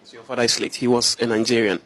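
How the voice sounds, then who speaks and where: A man's voice: mid-range voice, level tone, fast, a bit bright. A man conducting a confrontational interview and news report, pressing his subject with repeated pointed questions.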